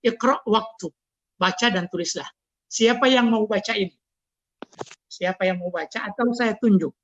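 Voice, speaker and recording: A man's voice: high voice, normal speed, fairly bright tone. Patient Indonesian man teaching online. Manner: patient, coaxing students to read aloud. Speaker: Arabic teacher. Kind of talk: online class instruction. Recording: dull lo-fi online call audio.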